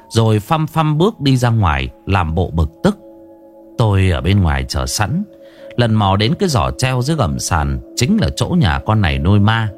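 A man narrating a first-person ghost story in an expressive storytelling manner. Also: on the low side.

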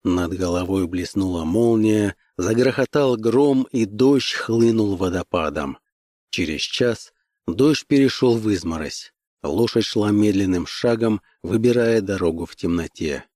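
This man's voice is lowish as he narrates an adventure story for an audiobook, keeping his scripted delivery even and measured. The studio recording has no room sound at all.

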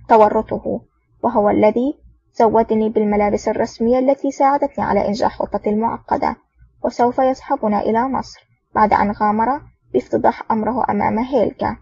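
A woman voicing a daring male secret agent, calm and self-assured. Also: a little high, creaky, breathy edge, dry recording. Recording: dull lo-fi audio.

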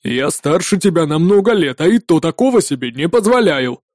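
A man voicing an old male gunsmith with a hoarse voice, who talks slowly and grumbles calmly. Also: a little high, no echo, studio quality. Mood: reproachful. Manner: slow, unhurried and gently reproachful.

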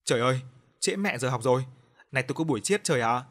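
A man's voice: mid-range voice, expressive, fast, a bit bright, close to an everyday voice. A man doing a flustered young rich kid. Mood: casual. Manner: flustered, casual.

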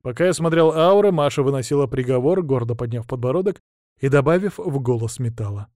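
A man narrating an audiobook in a wry, lively way. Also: medium pitch, a little fast, dry recording, clean studio sound.

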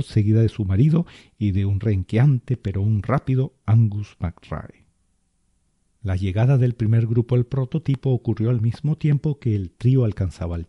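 A man giving scripted narration of a story podcast in a measured way. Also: on the low side, dry recording, dull audio.

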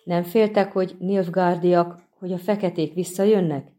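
A woman voicing a grim, weary male monster hunter in an audiobook, speaking tersely and quietly. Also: fairly low pitch, fairly even intonation, lightly acted. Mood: brooding. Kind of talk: audiobook reading.

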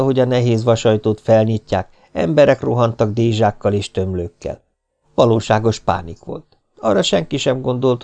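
A man narrating an audiobook in a steady, even storytelling read. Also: medium pitch, vocal fry.

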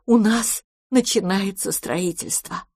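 A woman's voice: medium pitch, takes it slowly, a little mellow, no room sound, clean studio sound. A woman voicing a caring, flustered mother mouse. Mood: fretful. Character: kind, fussy mother mouse.

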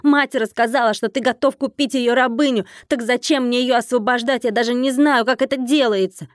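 A woman voicing a brash, scheming young woman with a haughty, shouting manner. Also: medium pitch, flat delivery, fairly quick, dry recording, clean studio sound, close to an everyday voice. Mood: indignant.

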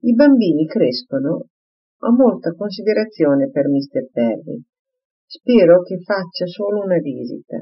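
A reader voicing a gentle, earnest young mother in an audiobook, reassuring her father. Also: on the low side, expressive, unhurried, husky. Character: gentle devoted young mother, anxious daughter. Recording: slightly muffled recording.

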